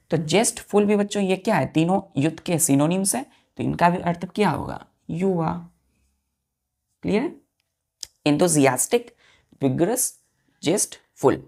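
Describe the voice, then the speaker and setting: A woman teacher with a lowish, gravelly voice runs a vocabulary lesson for her students. She spells each word out letter by letter, asks a question and answers it herself. Her delivery is slow and repetitive. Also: mellow.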